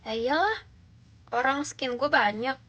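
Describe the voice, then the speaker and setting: A woman's voice: sits high, a bit bright, muffled recording. A woman livestreamer chatting casually with viewers in a blunt, slangy, bantering manner.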